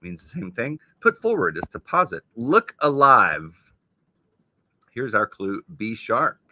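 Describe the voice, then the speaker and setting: A man's voice: lowish voice, big pitch swings, moderate pace, bright, forceful tone. A man hosting a casual live stream, reading crossword clues aloud and chatting about them as he goes.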